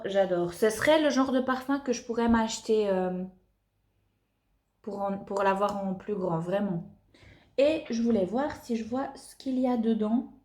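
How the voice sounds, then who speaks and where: A woman's voice: a little high, darkish tone. A young woman reviewing beauty products in a chatty, enthusiastic way with lots of fillers. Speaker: beauty vlogger.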